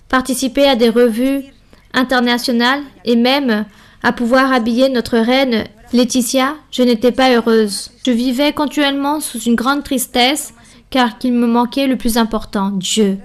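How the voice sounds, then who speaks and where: A woman giving a French voice-over of a Bible study and a church member's testimony, speaking in measured, earnest short phrases. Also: a little high.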